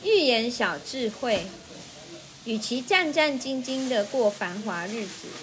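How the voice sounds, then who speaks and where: A woman's voice: a little high, expressive, slow, background noise. A woman reading fables aloud to a young child in a sing-song, coaxing way, stopping to ask the child questions.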